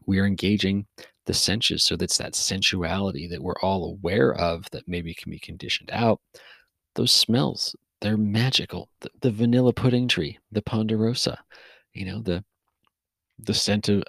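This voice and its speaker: A man's voice: sits low, vocal fry, a bit bright, dry recording. A man hosting a podcast alone, talking casually in a loose, rambling way with many fillers and restarts, sounding a little tired. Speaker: podcast host. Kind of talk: casual solo podcast monologue. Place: recorded outdoors near a forest.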